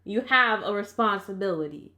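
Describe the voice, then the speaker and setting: A woman chatting casually and arguing her point in an insistent, colloquial, animated way. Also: medium pitch, moderate pace. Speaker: vlog host. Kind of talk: casual argumentative chat.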